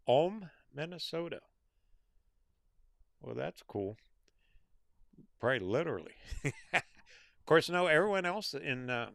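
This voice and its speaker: A man's voice: medium pitch, vocal fry, a bit bright, no room sound, clean studio sound. A man hosting a live stream, reading out viewer names and comments in a casual chat and answering their questions, his voice a bit worn. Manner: reads out viewer names and comments with small laughs. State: losing his voice.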